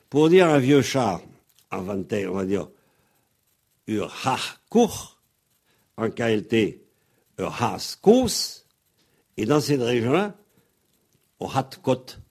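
A man on the radio patiently explaining pronunciation like a teacher, spelling out letters and pausing on fillers. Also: medium pitch, a little mellow, breathy edge. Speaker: guest explaining Breton pronunciation.

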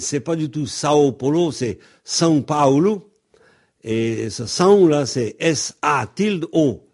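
Slow, hesitant man spelling out words. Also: mid-range voice, gravelly, a little mellow, husky. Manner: hesitant, many ums, spells words letter by letter. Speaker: Breton language teacher. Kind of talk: spelling and pronunciation explanation.

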